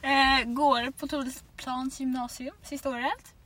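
A woman's voice: high voice, level tone, a bit bright, far from the mic. An eighteen-year-old woman from Sweden co-hosting a podcast in giggly, rambling casual chat. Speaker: podcast co-host.

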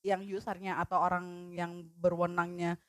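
A woman's voice: on the low side, little pitch movement, moderate pace. A woman chatting casually as a podcast co-host, chiming in with jokes. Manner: joking, chimes in with quips. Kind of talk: casual chat.

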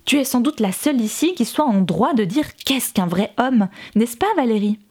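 A woman voicing a fierce young woman who speaks loudly and with biting sarcasm to defend her friend. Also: a little high, lively intonation, normal speed. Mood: scathing. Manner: cutting, loud and sarcastic.

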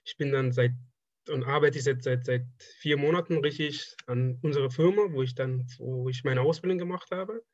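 A young Afghan man in his twenties, a trained draftsman and native Persian (Dari) speaker, speaks in a mid-range voice during a casual interview, halting and frequently restarting. There's no echo, but the audio sounds dull.

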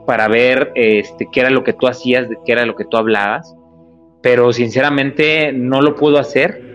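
A man's voice: medium pitch, fairly even intonation, normal speed, fairly bright tone, soft background music, lightly acted. A man with a Mexican accent voicing a distressed, pleading young man in a retold anecdote, on a slightly muffled radio recording. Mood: confessing. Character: tearful young man sent to kill.

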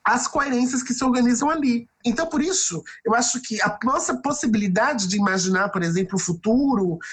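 A woman's voice: mid-range voice, slightly rough. A woman, a writer and researcher answering interview questions thoughtfully and often ending with tag questions. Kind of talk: reflective podcast interview answer.

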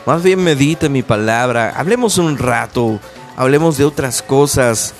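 A man putting on the voice of God as a calm, gentle, fatherly figure who speaks slowly and soothingly. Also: medium pitch, faint music behind, close to an everyday voice. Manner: soothing, slow, reassuring.

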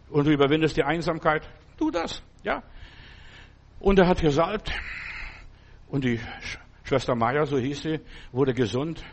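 Male pastor, fairly high-pitched, fervent, direct sermon delivery with loose storytelling. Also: slightly rough. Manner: fervent, direct preaching to a single listener.

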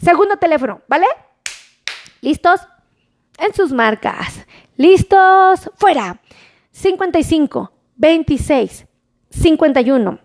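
A woman hosting a live stream, chatty and warm, greeting viewers and repeating their names in a singsong. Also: very high voice. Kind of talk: live stream chat reading viewer comments.

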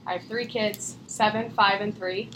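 A woman's voice: medium pitch, steady tone, moderate pace. Friendly woman in a noisy room. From Wisconsin. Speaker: army spouse, moderator. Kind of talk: roundtable discussion.

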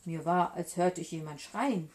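A woman voicing a big, gruff, slow-witted monster in a children's storybook reading. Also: lowish voice, a little mellow, close to an everyday voice.

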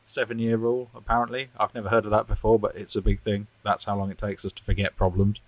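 A man's voice: lowish voice, little pitch movement, fast, dry recording, poor audio. A man co-hosting a podcast, talking in a rambling, self-deprecating way and chuckling often. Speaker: podcast co-host. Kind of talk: casual political chat.

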